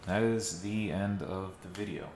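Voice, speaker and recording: Deep-voiced man in an echoey empty room. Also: steady tone, a little slow, darkish tone, a little hiss or hum. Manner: conversational, dryly sarcastic at times. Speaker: video essayist. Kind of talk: casual commentary to viewers. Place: mostly empty room in a new home.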